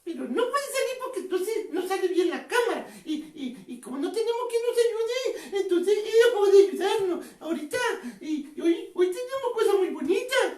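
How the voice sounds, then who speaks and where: A man's voice: very high voice, lively intonation, normal speed, few pauses, a little mellow. A man voicing a cheerful little clown who hosts a children's gospel show, giggling, exclaiming and stammering. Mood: giggly. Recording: echoey and distant from the mic.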